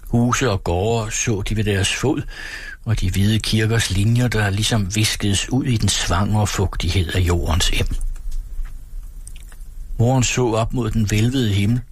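Low, husky male narrator. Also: no echo. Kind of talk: audiobook reading.

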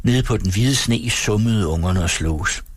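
Calm radio reader from Denmark, low husky male voice, dry close sound. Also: no room sound. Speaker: radio host reading aloud. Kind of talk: reading a novel aloud on radio.

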